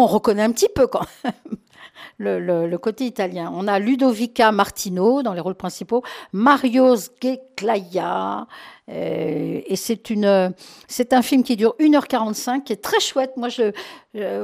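A woman's voice: medium pitch, gravelly, darkish tone. A woman talking casually on a radio show about a film, chatty with many fillers and laughs.

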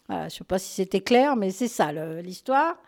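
In a mid-range, slightly mellow voice with lively intonation and normal speed, a woman presents new film releases in a casual radio-style chat. She's chatty and fond of her listeners, her talk full of fillers as she keeps pausing to correct herself.

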